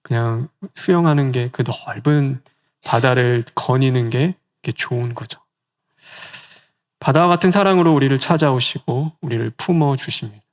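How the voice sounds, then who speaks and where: A man's voice: mid-range voice, normal speed. A male pastor giving a sermon in a conversational way, often asking the congregation rhetorical questions.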